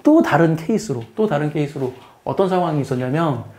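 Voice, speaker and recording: A middle-aged male teacher talks through a lesson in a mellow, somewhat high voice. He keeps a plain explaining tone, repeats himself for emphasis and often asks the listener questions. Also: animated, brisk. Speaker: math teacher and lecturer. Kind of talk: casual spoken lecture.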